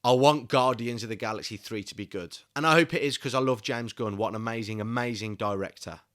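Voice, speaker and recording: A man's voice: mid-range voice, a little fast, fairly bright tone. A young man giving a casual solo film review, ranting with passionate frustration. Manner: passionate, increasingly irate ranting.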